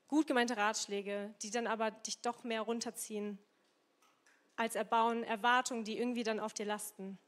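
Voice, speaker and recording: A woman preaching a casual, lively sermon, retelling a story and mixing in English words. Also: on the high side, normal speed. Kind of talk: youth sermon with Bible reading.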